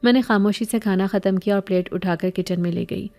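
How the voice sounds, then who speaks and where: A woman narrating a first-person horror story in a measured, even storytelling manner. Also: mid-range voice.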